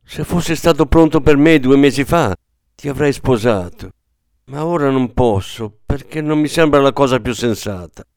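A man's voice: medium pitch, animated, moderate pace, a little mellow, smooth, dry recording, studio quality, lightly acted. A man voicing a young woman who firmly but tenderly turns down her lover in a storybook reading. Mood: earnest. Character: young woman, torn but firm, ending a romance.

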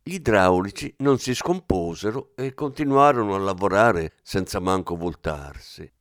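A man narrating a crime audiobook in a steady, measured reading. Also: low-pitched, no echo, clean studio sound.

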